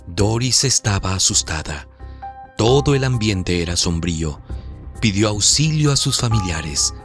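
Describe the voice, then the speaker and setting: A man reading scripted documentary narration in a measured, solemn way. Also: on the low side, lively intonation, music in the background.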